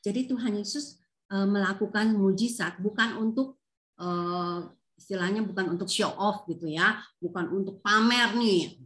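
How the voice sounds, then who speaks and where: A woman's voice: mid-range voice, normal speed, fairly bright tone. A woman from Indonesia, a Sunday school teacher, tells a Bible story to children in a chatty way, full of fillers and tag questions.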